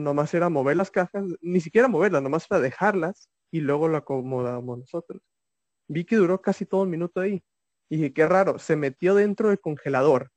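A man's voice: a little high, darkish tone, no room sound. A man casually telling a ghost story, with restarts and asides to the listeners. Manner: conversational, many restarts, addresses listeners directly.

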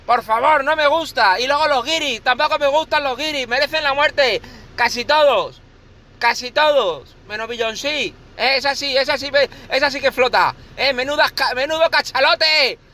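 A man's voice: very high voice, normal speed, pushed and bright. A man delivering a comic rant monologue, full of exaggerated mock outrage and repeated catchphrases, as a podcast co-host.

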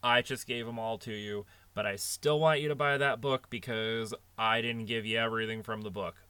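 A man's voice: on the low side, steady tone, moderate pace, bright, forceful tone, clear, resonant tone, no echo. A middle-aged man hosting a podcast, talking casually and earnestly as he tells stories about managing staff. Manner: earnest, anecdotal storytelling. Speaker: podcast host on restaurant management.

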